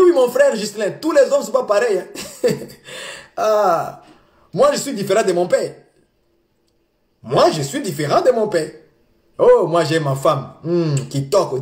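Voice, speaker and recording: A young man delivering a lively sermon with a fairly high voice. He talks in animated, repetitive bursts and laughs now and then. The room is echoey.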